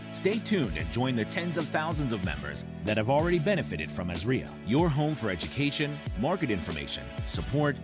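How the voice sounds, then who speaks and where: Announcer: man, animated pitch, salesy intro read over guitar music. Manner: lively, salesy. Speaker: show announcer. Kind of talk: scripted promo intro.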